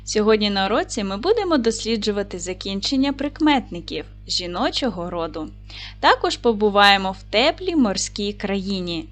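A woman teaching a recorded lesson for primary school children, speaking clearly and patiently to the class. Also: mid-range voice.

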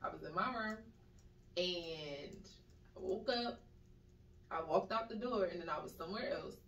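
A woman's voice: fairly low pitch, unhurried, a bit bright, muffled recording. A woman co-hosting a casual podcast, telling a long story with lots of "like" and acting out the quoted voices. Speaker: podcast co-host. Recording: echoey room, mic at a distance.

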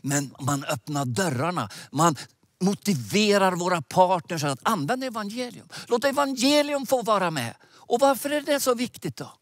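A man in his sixties preaching a sermon outdoors with animated gestures, speaking into a headset mic. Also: high-pitched, dry recording. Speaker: preacher and mission leader. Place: outdoors by a lake.

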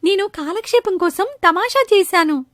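A woman's voice: very high voice, expressive, moderate pace, no echo, clean studio sound, pitched above the performer's own voice. A woman voicing a mischievous young village boy who plays pranks, in a storybook tale. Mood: teasing. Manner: playful, teasing.

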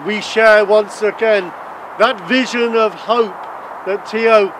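Middle-aged male priest, solemn graveside prayer, unhurried pace, high-set voice, noisy outdoor recording. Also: steady tone, distant mic. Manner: solemn, measured, formal phrasing. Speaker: priest leading a burial service. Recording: outdoor recording with background noise.

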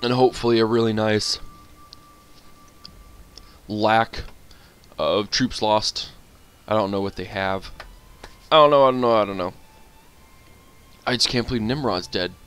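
A man's voice: lowish voice, steady tone, measured pace, pauses often, a bit bright, clean tone, faint music behind. Grumbling man narrating his strategy game. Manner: grumbling, talks to his units and the enemy. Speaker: gaming channel host. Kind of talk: casual strategy game commentary.

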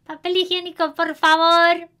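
A woman's voice: very high-pitched, little pitch movement, unhurried, sharp tone, pitched above the performer's own voice, heavily acted. A woman doing a chirpy little girl. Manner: chirpy and polite. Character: eager polite little girl.

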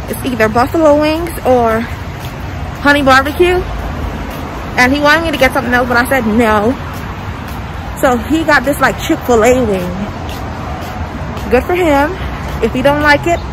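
Young woman, high voice, casual vlog chat, phone held out, noisy outdoor plaza. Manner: chatty, joking, talks to camera while walking. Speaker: vlogger. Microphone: phone held at arm's length.

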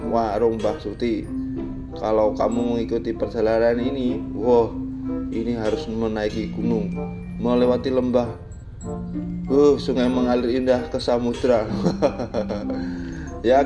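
Male motovlogger, casual jokey riding commentary, mid-pitched, clear music bed underneath. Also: lo-fi sound. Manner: chatty, jokey, addresses viewers as "Lur". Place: on a motorbike on village roads, outdoors. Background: background music.

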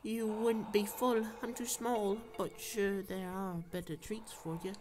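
A woman's voice: mid-range voice, steady tone, a little slow, close to an everyday voice. Woman playing a timid girl, noisy background. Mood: pleading. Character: small, timid, polite girl lost in dreamland.

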